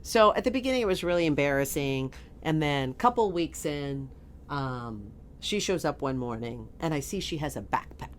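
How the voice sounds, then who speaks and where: A middle-aged woman telling a story in a casual podcast interview, animated and often laughing as she acts out quoted voices. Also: deep voice, normal speed, slight background noise. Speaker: guest.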